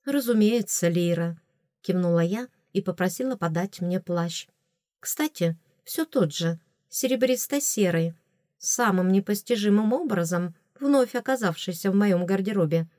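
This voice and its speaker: Expressive woman narrating an audiobook. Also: medium pitch, moderate pace, no echo, studio quality. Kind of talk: first-person audiobook narration.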